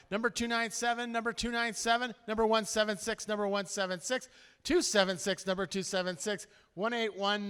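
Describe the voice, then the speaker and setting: High, bright-voiced male auctioneer in a hall. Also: clear, resonant tone. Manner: energetic, rattles off bid numbers in a rapid auctioneer chant. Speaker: auctioneer and emcee at a charity gala. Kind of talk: live fundraising auction calling. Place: large event hall with a live audience. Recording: long reverb of a large event hall.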